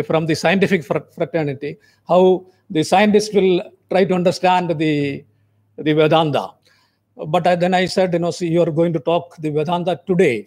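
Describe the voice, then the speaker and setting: A man with an Indian accent and a notably high-pitched voice introduces a guest. His welcome speech is halting, with words often repeated as he searches for the next phrase. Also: darkish tone. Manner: halting, repetitive. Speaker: event host introducing guest.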